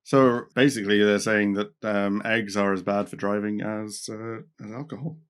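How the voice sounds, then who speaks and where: A man with a fairly low voice reads news items aloud in a relaxed podcast chat. He stumbles often, filling gaps with ums and restarting his phrases. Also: moderate pace, clean tone. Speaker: podcast co-host reading news.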